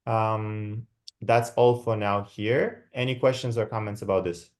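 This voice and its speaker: Speaking in a lowish, steady voice, this young Kazakh guest lecturer talks through his slides in an academic presentation. He keeps a measured, reflective manner full of fillers and often asks tag questions to check in with the audience.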